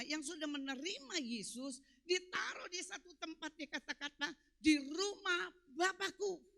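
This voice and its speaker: A woman pastor preaches a sermon emphatically, swinging from loud peaks to quiet, low drops. There is no echo.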